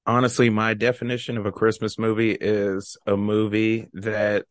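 A man's voice: fairly low pitch, flat delivery, moderate pace. A man in casual podcast chat, speaking in a blunt, laid-back, slangy way. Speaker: podcast guest or co-host.

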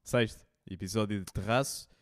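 A young Portuguese man with a European accent and a low voice chats easily on a podcast, laughing often. His voice is close and dry, with no room sound. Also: normal speed, no echo. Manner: laughs often, relaxed banter. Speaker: podcast co-host. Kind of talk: casual chat.

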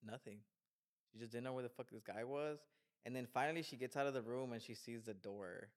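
A man in a casual chat, excitedly recapping a horror film scene by scene, swearing often and acting out the characters' lines. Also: mid-range voice, brisk. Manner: excitable, profane, acts out scenes. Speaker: film discussion podcast co-host.

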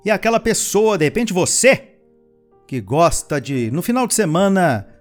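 A man teaching English vocabulary in a lesson, chatting casually in his explanations and slowly modelling sentences for learners to repeat, with playful asides. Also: high-pitched, sing-song, faint music behind. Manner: switches between chatty explanations and slow, careful model sentences. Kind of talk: language lesson with repeat-after-me drills.

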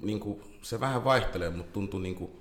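A band vocalist with a low voice tells stories in a loose, animated way, sprinkling in English slang during a casual interview chat. The room is echoey.

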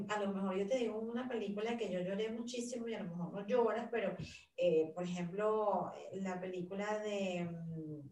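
A middle-aged woman talking casually about caring for her father, telling stories and acting out what people said. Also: mid-range voice. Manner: animated storyteller, acts out quotes of her father and herself. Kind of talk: casual talk sharing caregiving advice. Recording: roomy echo, a little far from the mic.

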